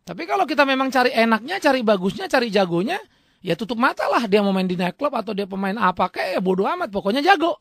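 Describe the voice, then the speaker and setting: A male pastor preaches in a casual, talky manner, tossing out rhetorical questions and answering them. His voice sits high and swings widely up and down. The sound is close and dry, with no room echo. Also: sing-song, quick pace, vocal fry, fairly bright tone. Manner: colloquial, rhetorical questions, plays both sides of imagined exchanges. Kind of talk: sermon.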